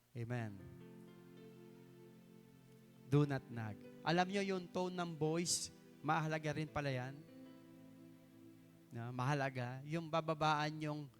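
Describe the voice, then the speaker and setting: A middle-aged pastor from the Philippines preaching a live sermon to his congregation, often asking "no?" and stretching key words slowly for emphasis. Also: a little high. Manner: keeps adding tag questions "no?" to the congregation. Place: church hall.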